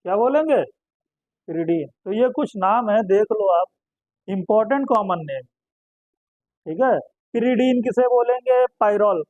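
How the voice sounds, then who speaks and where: High-voiced chemistry teacher. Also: male voice, lively intonation, unhurried, long pauses, darkish tone, dry recording, dull audio. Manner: asks students questions and answers them himself, repeats terms. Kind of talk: classroom lecture.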